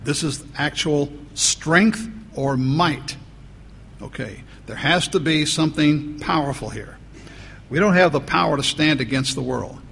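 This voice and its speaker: A man's voice: fairly high pitch, creaky, fairly bright tone. A man preaching a sermon as pastor, talking conversationally and repeating phrases for emphasis. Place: church. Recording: long church reverb, faint noise.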